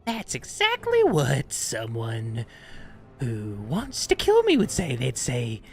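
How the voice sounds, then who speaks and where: A man's voice: mid-range voice, wildly swooping pitch, slow pace, creaky, a little hiss or hum, heavily acted. A man voicing a suspicious, menacing monster in an old hag voice during a tabletop role-play game. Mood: suspicious, mocking.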